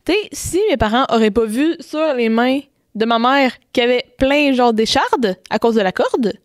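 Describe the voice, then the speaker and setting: Young Québécoise co-host, slightly high voice, halting storyteller, dry mic. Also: female voice, no echo. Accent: Québécois French. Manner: hesitant, many restarts, laughs easily. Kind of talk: casual chat.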